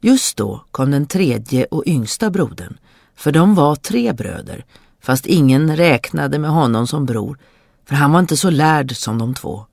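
A storyteller reading a fairy tale aloud in a lively, expressive way. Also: mid-range voice, vocal fry, no room sound, clean studio sound.

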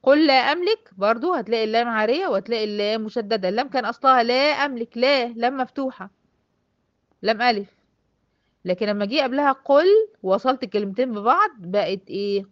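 A woman's voice: medium pitch, no room sound, muffled recording. Egyptian woman teaching a tajweed class. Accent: Egyptian Arabic. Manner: explains step by step, asks and answers her own questions, drawls out example words. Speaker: Quran recitation teacher.

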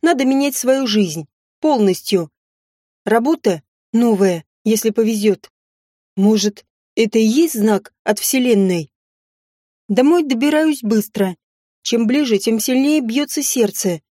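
Mellow, fairly high woman narrating dramatically. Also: measured pace, no echo, clean studio sound. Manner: expressive, dramatic delivery. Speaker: audiobook narrator. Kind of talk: first-person audiobook narration with acted dialogue.

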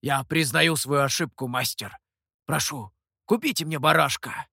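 A man's voice: a little high, unhurried, gravelly, sharp tone, no echo, full character voice. A man voicing a brash, playful male monkey demon who boasts and teases, read in a very dry, close sound. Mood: pleading. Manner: boastful and teasing.

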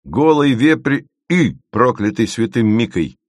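A bright, teasing young girl pops out weird words one after another, as a man puts her on. Her voice sits high above the reader's own and swings lively. The sound is dry and close. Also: dry recording. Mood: playful. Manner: bright, teasing, rapid-fire offers. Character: quick-witted young girl, playful word-inventor.

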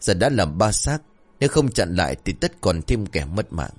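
A man's voice: sing-song, normal speed. A man narrating a rural ghost story in a scripted storytelling style, raising his voice for the characters' lines. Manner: voices characters with raised pitch. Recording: faint music behind.

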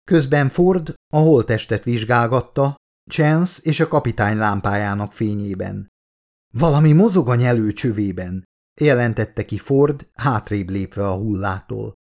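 A man narrating his own book as an audiobook, steady and measured. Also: fairly low pitch.

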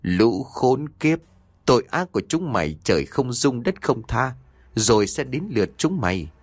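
Male narrator plays ghost of a wronged young mother; slow, menacing, lively pitch. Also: no room sound. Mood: vengeful.

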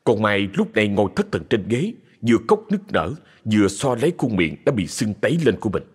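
A man narrating a ghost story in a lively, colloquial way. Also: lowish voice, brisk, husky, in a large hall.

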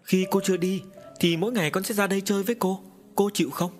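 Man doing a little boy voice, fretful, high and fast. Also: expressive, faint music behind. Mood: coaxing. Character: small boy, stubborn and pleading.

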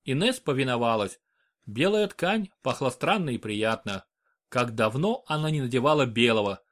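A man narrating an audiobook in an expressive storytelling manner. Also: mid-range voice, normal speed. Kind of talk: scripted narration.

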